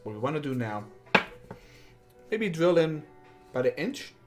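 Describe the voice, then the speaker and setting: A man's voice: a little high, big pitch swings, a little slow. Chatty man rambling while crafting. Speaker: craft streamer. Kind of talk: casual build-along chat. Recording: faint background music.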